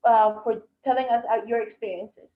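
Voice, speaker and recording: A woman's voice: on the high side, steady tone, moderate pace. A woman interpreting live on a video call, hesitant with fillers and restarts, heard over a bad internet connection. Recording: muffled, echoey video call audio.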